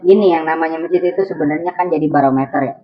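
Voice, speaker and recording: A woman's voice: deep voice, steady tone, racing. Betawi woman chatting, lo-fi sound. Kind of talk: comedic casual chat.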